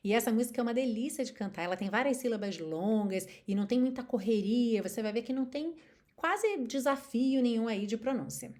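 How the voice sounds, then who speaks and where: A Brazilian woman in her thirties teaching an English lesson through a song, expressive and lively, singing short lines to demonstrate pronunciation. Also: on the high side, fairly quick.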